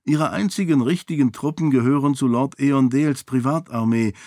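A man voicing a sharp-witted young royal woman in an audiobook, lifting his voice and talking with quick self-assurance. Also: medium pitch, dry recording, clean studio sound, voice pushed up, close to an everyday voice. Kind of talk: audiobook character voice.

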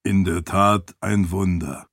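A man voicing a loyal male spirit living in a floating light orb, with a deep, hesitant voice, speaking slowly and formally to his lady. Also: steady tone, fairly bright tone, no room sound, clean studio sound, exaggerated voice. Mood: relieved. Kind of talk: audiobook character voice.

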